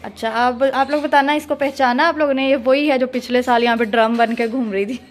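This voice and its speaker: A woman's voice: high-pitched, steady tone, brisk. A young woman, chatting casually in a family vlog, often teasing and scolding the children around her. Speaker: family vlogger. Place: home and rooftop, outdoors at times.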